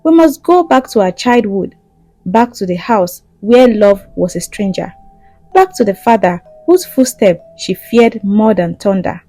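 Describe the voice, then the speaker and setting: A woman's voice: mid-range voice, sing-song, a little slow, warm tone, faint music behind, poor audio. A woman storyteller reading a scripted tale with a rhythmic, dramatic delivery and repeated phrases.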